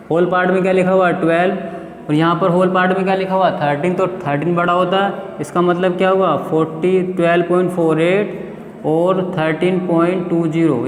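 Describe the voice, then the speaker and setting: A man's voice: high voice, roomy sound, in a large hall, slight background noise. A male math teacher, explaining a lesson step by step and asking the class questions that he then answers himself. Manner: reads definitions aloud slowly.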